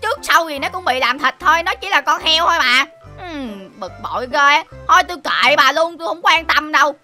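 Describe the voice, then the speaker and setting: A man's voice: extremely high pitch, animated, brisk, sharp tone, soft background music, exaggerated voice. A man voicing a cheeky, fussy childish boy hero in a game role-play, whining and boasting. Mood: grumbling. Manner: whiny, exclaiming, boastful.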